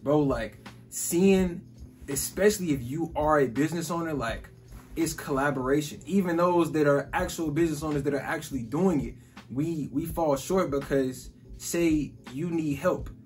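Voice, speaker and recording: A podcast host in his twenties from Chicago chats casually about business and money, easygoing and constantly saying "bro" and "like." His fairly high voice moves at normal speed over soft background music.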